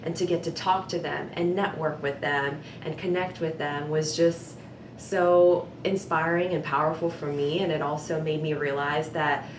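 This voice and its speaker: A young American woman whose first language is Vietnamese, working as a communications director, tells personal stories to camera in an earnest, reflective way, sprinkling in lots of "like" and "um." Her notably low voice has fairly even intonation and a moderate pace. The room is echoey, with a low rumble in the background.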